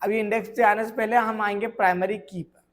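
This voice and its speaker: A man's voice: high voice, flat delivery, fairly quick. Man teaching, checking if you follow. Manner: keeps checking if students follow; asks rhetorical questions and answers them. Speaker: computer course teacher. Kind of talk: screen tutorial lesson.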